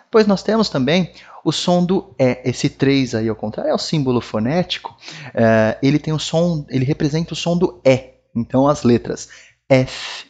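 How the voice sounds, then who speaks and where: A Brazilian man with a Brazilian Portuguese accent teaches French pronunciation in a casual video, speaking at normal speed in a fairly high, expressive voice with a darkish tone. He's friendly, repeats sounds, and often tags his lines with "né?".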